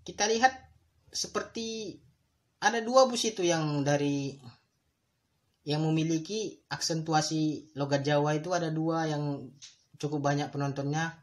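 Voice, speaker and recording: Unhurried and steady, a man with a slightly high voice hosts a podcast on his own, pausing often. He speaks straight to his listeners, offering reflective, instructive explanations with a moralizing tone. Here and there he stretches a word to underline it.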